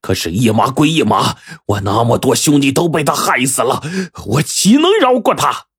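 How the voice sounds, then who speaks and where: A man voicing a burly frontier soldier who shouts furious accusations in a husky, raised voice. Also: medium pitch, sing-song, moderate pace, pitched above the performer's own voice. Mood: indignant. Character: angry burly male soldier seeking revenge.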